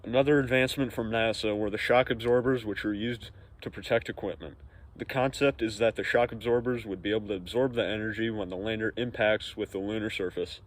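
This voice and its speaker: Low-pitched man reading mock news. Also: fairly even intonation, fairly quick. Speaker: news anchor in a parody broadcast. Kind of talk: scripted news report with mock commentary.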